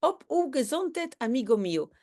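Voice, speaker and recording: A woman's voice: high voice, big pitch swings, normal speed, mellow. A woman voicing an effusive male general with a put-on Spanish accent. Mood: hearty. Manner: exclaiming, effusive.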